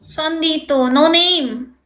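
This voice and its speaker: A woman's voice: high-pitched, takes it slowly, a bit bright. A young woman live-streaming, chatting casually with her viewers in a playful, teasing way and laughing often. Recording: echoey room with faint noise.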